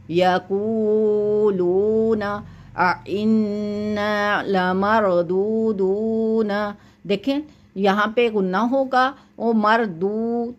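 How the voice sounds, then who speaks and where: A woman's voice: mid-range voice, lo-fi sound. Woman tajweed teacher, patient and methodical, mid-range voice, walks a student through each rule. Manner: patient, explains step by step, often checks in with "okay"; recites verses slowly and drawn out. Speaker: Quran recitation teacher.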